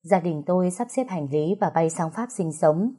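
A woman narrating a story in a calm, even reading manner. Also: lowish voice, normal speed, husky.

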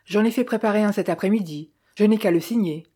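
A woman reading the part of a domineering older male millionaire with a gruff, commanding manner. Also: mid-range voice, fast, warm tone, natural voice. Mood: formal.

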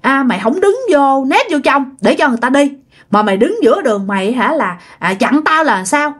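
A shrill, yelling old drunk villager in a spoken ghost story, as a woman narrator puts him on. He curses and hollers, his voice climbing high. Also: big pitch swings, fast, slightly rough, heavily acted. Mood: drunk angry. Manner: panicked shouting and drunken cursing. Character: terrified drunk old village man, loud.

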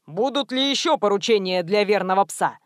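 A woman's voice: medium pitch, expressive, normal speed, dry recording, clean studio sound, lightly acted. Woman playing a flippant, clowning male hacker. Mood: mocking, playful. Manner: theatrical, mocking exclamations. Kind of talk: audiobook character voice.

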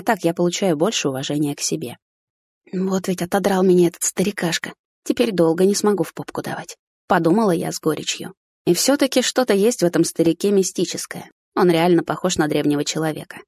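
A woman reads a first-person story aloud in an even, matter-of-fact way. Her voice is low and husky. The recording is dry and close, with no room sound. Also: no room sound. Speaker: audiobook narrator.

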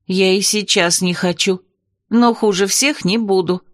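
A woman's voice: medium pitch, measured pace, dry recording, close to an everyday voice. A woman voicing an indignant, fussy young tsar's daughter in an audiobook, in a voice close to her own. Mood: sulky.

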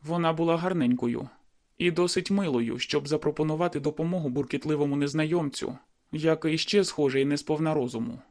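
A man's voice: a little high, brisk, a little mellow. Man narrating a brooding first-person audiobook.

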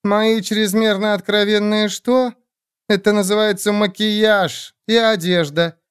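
A man's voice: sits high, expressive, moderate pace, smooth, no echo, studio quality, pitched above the performer's own voice. A man voicing a brazen undead woman ship captain, cheeky and blunt. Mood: teasing.

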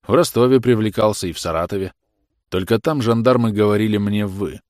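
Guy doing a calm ironic worker, low steady voice, dry sound. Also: brisk, no echo, natural voice.

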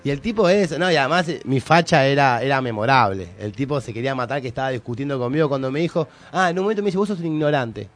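Fast-talking Argentine radio host. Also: male voice, medium pitch. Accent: Argentine Rioplatense Spanish. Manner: animated, slangy, acts out both sides of quarrels. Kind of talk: casual storytelling on radio.

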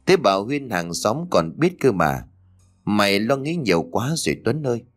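A man voicing an anxious, guilt-ridden middle-aged father who pleads gruffly under strain. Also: fairly low pitch, very animated, normal speed. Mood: self-soothing.

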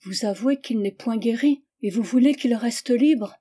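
A woman's voice: a little high, measured pace, mellow, breathy edge. A woman voicing a trembling young wife whose speech breaks into indignant, emotional outbursts.

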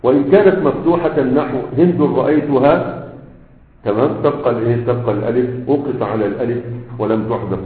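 Fast-talking Egyptian man teaching grammar. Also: mid-range voice. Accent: Egyptian Arabic. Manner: keeps quizzing students with fill-in questions and checks. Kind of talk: classroom grammar lesson. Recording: echoey room over a tinny, phone-like line.

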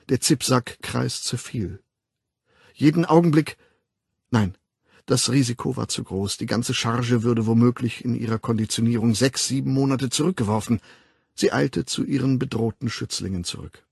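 A man reading a novel aloud as an audiobook narrator in a measured, expressive way. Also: medium pitch, gravelly, slightly rough, dry recording, clean studio sound.

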